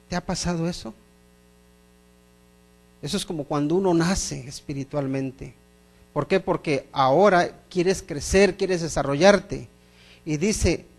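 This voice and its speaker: Emphatic middle-aged male preacher, higher voice. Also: gravelly. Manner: emphatic, repeats phrases in lists, asks the congregation questions. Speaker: pastor. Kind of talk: sermon.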